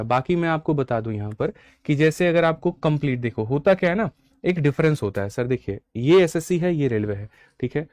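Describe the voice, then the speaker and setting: A man's voice: medium pitch, darkish tone, no echo. A young man who teaches exam preparation, explaining his course batches and fees to students in a casual, persuasive way, often calling them brother and tagging "theek hai". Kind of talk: online class sales pitch and lesson.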